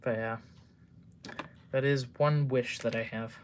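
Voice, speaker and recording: A man's voice: medium pitch, steady tone, slow, slight background noise. A man chatting casually on a live stream while building model trains at a home workbench, rambling with lots of fillers and casual swearing.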